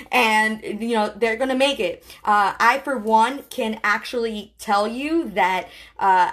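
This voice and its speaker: A woman in her thirties hosts a casual live stream. Her voice sits a little high, and she talks in an encouraging, chatty way, with plenty of fillers and restarts. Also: fairly bright tone. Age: 30s. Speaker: host.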